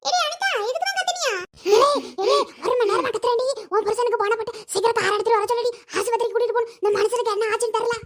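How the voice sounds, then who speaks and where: A woman's voice: very high voice, very fast. A woman voicing a nagging, complaining grandmother and mother-in-law in a cartoon, scolding and wailing by turns. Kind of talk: cartoon voice acting.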